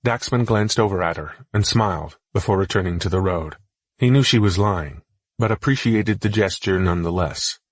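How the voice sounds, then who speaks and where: A man reads a fantasy audiobook in a steady, measured way. His voice is low and slightly husky. It is recorded close and dry, with no room sound. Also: dry recording. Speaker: audiobook narrator. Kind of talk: scripted narration.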